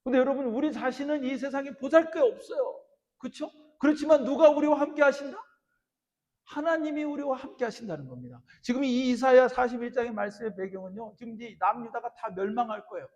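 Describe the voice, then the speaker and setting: A man preaching a sermon as pastor, swinging from quiet storytelling to loud, emphatic declarations. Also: very high-pitched, expressive, fast, muffled recording. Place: church sanctuary. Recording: reverberant church sanctuary.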